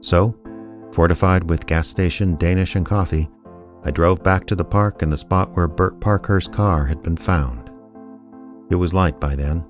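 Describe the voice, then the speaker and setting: In a radio drama, an actor narrates as the lead character, a laconic small-town private investigator recounting his case. His low, natural voice stays deadpan and understated.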